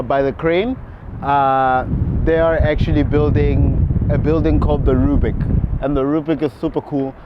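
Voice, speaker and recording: A South African man, a real estate agent, chatting casually on a city rooftop with relaxed fillers and laughs. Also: mid-range voice, muffled recording, a little hiss or hum. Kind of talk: casual on-camera chat.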